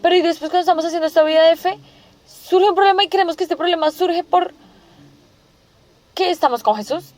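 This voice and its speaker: High-voiced woman preaching a sermon. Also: a little fast, long pauses, a little mellow. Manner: asks the listeners rhetorical questions; restates each point several times.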